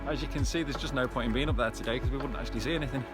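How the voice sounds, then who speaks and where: A man's voice: mid-range voice, racing, over loud music. A man chatting casually to viewers as he runs outdoors, in a conversational, encouraging vlog style. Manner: conversational, talking while out on a run. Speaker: running vlogger. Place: outdoors on a hillside trail by reservoirs.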